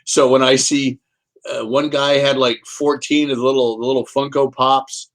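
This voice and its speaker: Male guest author; chatty, rambling storyteller, middle pitch. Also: little pitch movement, moderate pace. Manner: rambling, repeats words and restarts. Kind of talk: casual storytelling chat. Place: home, Kansas City.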